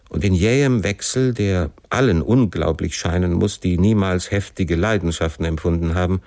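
A man giving an expressive, measured first-person reading of a classic novel as an audiobook narrator. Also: sits low, dry recording, studio quality.

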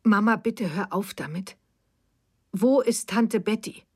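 A desperate young mother, as a woman reads her in an audiobook, pleading and pitched up, pushing into shouts. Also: slow, breathy edge. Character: distraught adult daughter, a young mother.

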